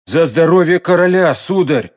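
A man's voice: on the high side, lively intonation, moderate pace, pitched above the performer's own voice, natural voice. A man voicing a timid servant who babbles fearfully in a raised voice. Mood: frightened. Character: frightened male servant, timid, trembling.

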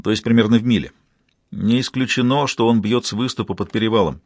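A steady male mountain guide, read by a man in an audiobook. He speaks low and in calm, clipped sentences. The sound is close and dry. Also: quick pace, no room sound. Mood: urgent. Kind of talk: audiobook dialogue.

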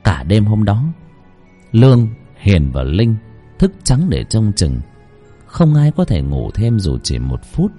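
Brief: husky male narrator, dramatic storytelling, faint music behind. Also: lowish voice, big pitch swings, slow, mellow.

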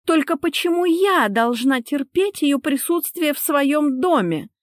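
Shrill whiny young wife, read by a woman. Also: expressive, a little slow, no room sound, studio quality. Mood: indignant whiny. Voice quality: high-pitched, whiny, indignant. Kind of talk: audiobook character reading.

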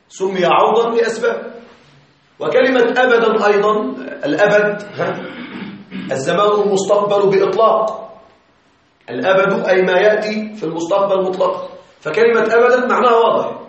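A high-voiced man teaches grammar in a classroom, explaining patiently and stopping often to check that his students are with him. He is heard from a distance in a very echoey room, and the sound is slightly muffled. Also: brisk, pauses often. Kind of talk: classroom lecture.

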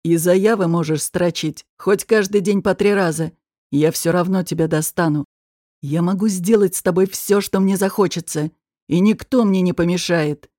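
A domineering man stalks and taunts, as a woman narrator puts him on, his voice dropped low and threatening. The tone is dark and mellow, and the mockery comes slowly. It is recorded close and dry, with no room sound. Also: dry recording, close to an everyday voice. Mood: menacing. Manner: low, slow, threatening and mocking. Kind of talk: audiobook character reading.

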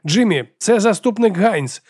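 Brief: curt deputy on the radio, clipped and pushy, voice pitched up, read by a man, dry sound. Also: lively intonation, measured pace, darkish tone, slightly rough, dry recording, full character voice. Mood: curt urgent. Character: male deputy calling over a crackly radio.

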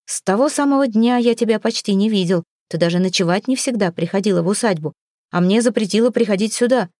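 In an audiobook, a woman reads the part of a jealous, hot-tempered young prince who snaps with irritation and scorn. Her tone is low and mellow, dry and close-miked, near an everyday voice, and she talks fast.

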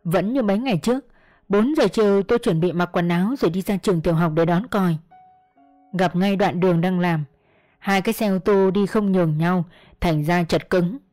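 A woman narrating a first-person story in a steady storytelling manner. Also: fairly low pitch, moderate pace, no room sound. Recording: dry close mic, faint music.

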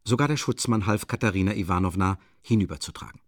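A man narrates a novel in a measured, even storytelling manner. His voice sits low, and the recording is dry and close. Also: no echo. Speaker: audiobook reader. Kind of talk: scripted narration.

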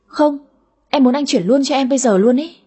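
A woman voicing a greedy, sulky daughter in her thirties with a high, whiny voice in an audio story. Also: a little fast, mellow, lightly acted. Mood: coaxing. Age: 30s. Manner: whiny, cheeky.

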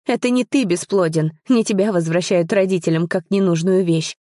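A woman voicing a young woman who is hurt and bitter, speaking in a sharp, tearful, accusing way. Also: lowish voice, normal speed, no echo, studio quality, natural voice.

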